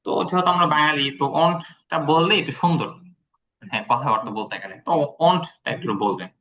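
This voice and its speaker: A man's voice: on the high side, lively intonation, brisk, a bit bright. A man from Bangladesh tutoring English pronunciation, explaining patiently with many fillers.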